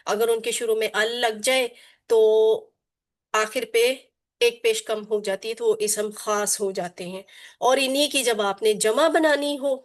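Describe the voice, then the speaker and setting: A woman's voice: a little high, steady tone, unhurried. A woman teaching a Quran Arabic class, drilling her students with repetition and call-and-response and mixing in English terms. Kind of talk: online class lesson.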